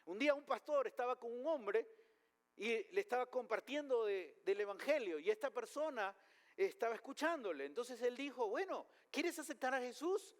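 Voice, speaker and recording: A man's voice: very high-pitched, animated, moderate pace, in a large hall. A man preaching a sermon as pastor, emphatic, with rhetorical questions put to the congregation. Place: church hall.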